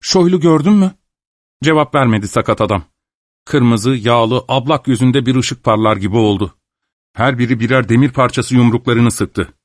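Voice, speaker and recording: A man narrates a literary story in an even, measured way. His voice sits at a middle pitch. The recording is dry and close, with no room sound. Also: no echo. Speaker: audiobook narrator.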